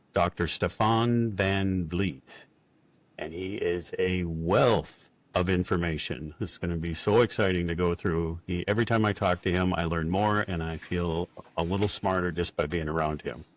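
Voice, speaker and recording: Very deep-voiced enthusiastic male podcast host. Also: no echo. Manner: enthusiastic, chatty. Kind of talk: casual podcast interview.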